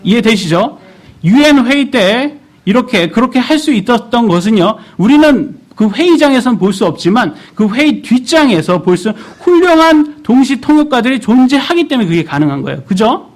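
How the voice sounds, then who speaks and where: Lively high-voiced man preaching. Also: moderate pace. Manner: animated, asks the congregation questions. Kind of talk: sermon. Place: church.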